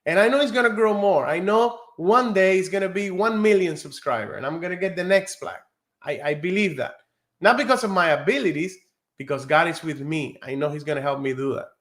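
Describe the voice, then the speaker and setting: A man from Cuba gives an encouraging, earnest nursing exam lesson online in real time, easing off the pace to hit key words. His voice is high, expressive and fairly bright.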